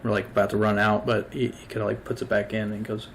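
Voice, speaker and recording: A man's voice: on the low side, flat delivery, quick pace, slight background noise. A man narrating a tabletop game as game master, casual and full of fillers. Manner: casual, hesitant, many fillers.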